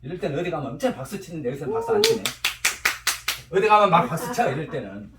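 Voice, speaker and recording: A man teaching a class, lecturing in an animated way and having students repeat after him. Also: on the high side, quick pace, noisy background. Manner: animated, quizzes students and has them repeat. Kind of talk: classroom lecture with call-and-response drills. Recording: roomy echo, mic at a distance.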